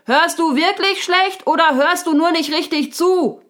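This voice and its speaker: A woman doing a squeaky, hard-of-hearing raccoon. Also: animated, a little slow, full character voice. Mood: loud, puzzled. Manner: loud, high, chirpy questioning.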